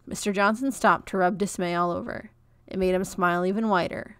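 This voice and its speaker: A woman narrating a children's novel in a clear, expressive read-aloud. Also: medium pitch, fairly quick, dry recording, studio quality.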